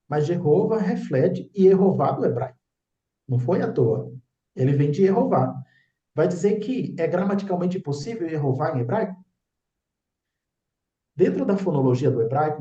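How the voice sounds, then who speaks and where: A man's voice: fairly high pitch, dark tone. Insistent man lecturing, echoey room. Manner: insistent, checks in with "né?" and "tá?". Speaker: religious teacher. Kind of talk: explaining slides in a lecture. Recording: echoey room, dull lo-fi sound.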